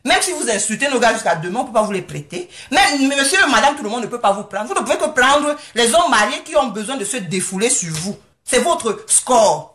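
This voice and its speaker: A woman ranting straight to camera from home, scolding and mocking her critics, often pausing to ask if they understand. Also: on the high side, sing-song, a bit bright. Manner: confrontational, scolding, keeps asking "you understand?"; mocking and sarcastic. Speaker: vlogger answering critics. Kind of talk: angry rant straight to camera.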